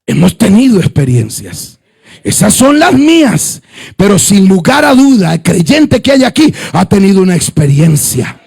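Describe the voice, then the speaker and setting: A male pastor delivers a sermon in a high voice that swoops widely in pitch. He tells his story through quoted back-and-forth dialogue, then climbs into shouted, chanting proclamations, with a husky edge to his tone. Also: wildly swooping pitch, unhurried. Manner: shouting fervently with singsong preaching cadence.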